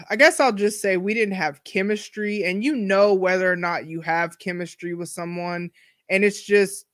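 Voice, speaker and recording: A woman in her forties hosts a solo podcast, speaking candidly in a chatty, slangy style packed with asides. Her voice sits in the mid-range, and the recording is dry with clean studio sound.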